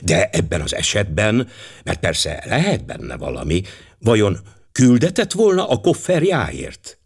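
A man voicing a fastidious, courteous male detective in an audiobook, formal and measured. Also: fairly low pitch, wildly swooping pitch, breathy edge, exaggerated voice. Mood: courteous questioning.

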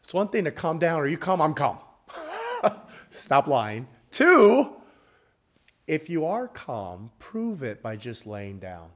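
A man preaching a sermon in a church, quoting old King James scripture and asking the congregation questions, dropping from loud to hushed. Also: a little high, sing-song, a little slow. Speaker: guest preacher. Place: church sanctuary.

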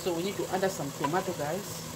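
Chatty woman cooking over loud sizzle. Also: lowish voice, steady tone, quick pace, very noisy. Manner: chatty, talks to viewers as "guys", non-native English. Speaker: home cooking channel host. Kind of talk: casual cooking narration. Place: home kitchen at the stove. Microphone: camera pointed at the pot, speaker off-screen. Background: loud sizzling and frying.

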